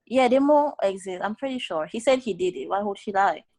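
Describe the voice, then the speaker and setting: A woman's voice: medium pitch, expressive, fairly quick, darkish tone, rough recording. A woman walking classmates through a database exercise step by step, checking in with them often and correcting them bluntly. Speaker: student tutor leading a database class session.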